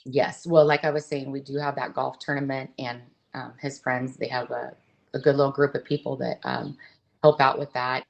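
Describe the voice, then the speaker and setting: Low-voiced woman speaking earnestly. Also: little pitch movement, creaky, low-quality recording. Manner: earnest, open, halting with restarts. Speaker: guest. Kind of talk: candid conversational interview.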